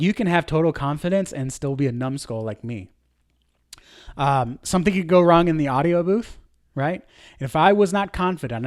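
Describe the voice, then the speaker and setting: Chatty, self-deprecating man teaching. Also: fairly high pitch. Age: adult. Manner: self-deprecating and chatty, acts out panicked and calm voices as examples. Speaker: course instructor for church media teams. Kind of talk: casual teaching talk to camera.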